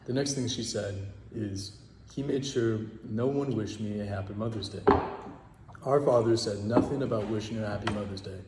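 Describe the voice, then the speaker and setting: A nineteen-year-old man stating things calmly and matter-of-factly. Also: lowish voice, normal speed, reverberant, big-room sound, very noisy. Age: late teens. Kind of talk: direct-to-camera statement.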